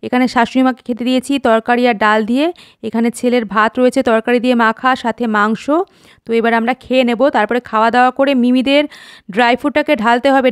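Woman in her 40s, high voice, quick talk, dry close sound, chatty home vlog narration. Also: clear, resonant tone, no echo. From West Bengal. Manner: chatty, homely, addresses viewers directly. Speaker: vlogger.

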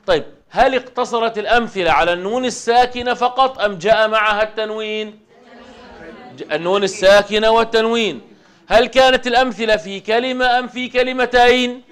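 A man teaching a Quran recitation class, asking the students quick questions in a conversational way. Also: high-pitched, fairly bright tone.

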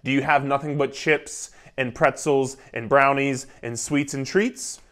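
A man in his thirties, a nutrition coach, giving an energetic, emphatic talk to the camera from his living room on a lapel mic. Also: medium pitch, measured pace. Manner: energetic, emphatic, gestures a lot while talking. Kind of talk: casual instructional talk to camera. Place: living room indoors, beside a whiteboard.

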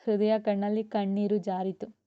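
A woman reads a serialized novel aloud in a steady, expressive way, her voice mid-pitched. The recording is slightly dull and lo-fi. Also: moderate pace, smooth. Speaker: storyteller. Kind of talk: scripted narration of a serialized novel.

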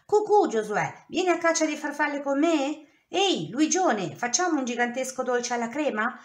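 A woman voicing an excitable young male wolf in a storybook reading, swinging between glee, rage and whining. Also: mid-range voice, measured pace, echoey room, lightly acted. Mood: playful.

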